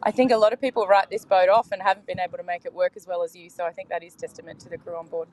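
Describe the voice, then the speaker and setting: A woman's voice: fairly low pitch, rapid-fire, darkish tone, low-quality recording. A woman hosting live dockside interviews and commentary outdoors on a marina, enthusiastic and chatty. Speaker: sailing reporter and host.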